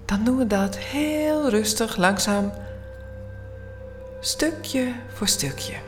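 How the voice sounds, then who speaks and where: Slow, hushed woman guiding relaxation over music. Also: on the high side. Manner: slow, soothing, hushed, often near-whispered, with long pauses. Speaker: guided relaxation instructor. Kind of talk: guided bedtime body-scan meditation.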